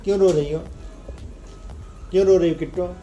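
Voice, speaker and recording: A man's voice: sits high, fairly even intonation, moderate pace, mellow, highs cut off, faint music behind. A man hosting a casual home vlog, teasing and coaxing his wife in an affectionate way. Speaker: vlogger.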